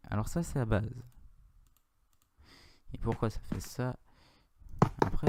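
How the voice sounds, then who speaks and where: French guy, rambling tutorial chat, unhurried, keyboard clicks audible behind. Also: mid-range voice, very noisy. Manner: rambling, self-correcting, chatty with asides and filler sounds. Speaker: Minecraft tutorial youtuber. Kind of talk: casual screen-recorded game tutorial.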